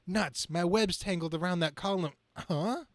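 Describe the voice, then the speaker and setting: A young comic-book superhero as a man reads him out, with a fairly high male voice. He quips and describes his own action dramatically, like a student who jokes through danger. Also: normal speed, no room sound. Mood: alarmed. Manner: quippy, dramatic self-narration.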